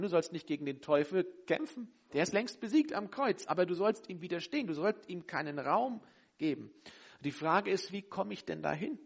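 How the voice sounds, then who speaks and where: A man preaching a sermon, emphatic and direct, swinging between loud urgency and quiet intensity. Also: on the high side, vocal fry, breathy edge.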